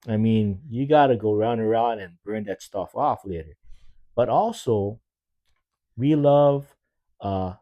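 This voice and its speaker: A man's voice: mid-range voice, warm tone, no room sound. A chef in his sixties from Hawaii, hosting his own podcast in a casual, rambling, folksy monologue that he aims straight at his listeners. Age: 60s.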